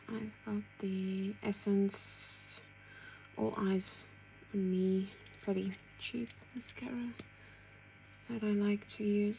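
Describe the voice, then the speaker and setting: A woman chatting casually through a makeup tutorial, talking to herself as she works and dropping into soft asides. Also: mid-range voice, creaky, slight background noise, poor audio. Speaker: beauty vlogger.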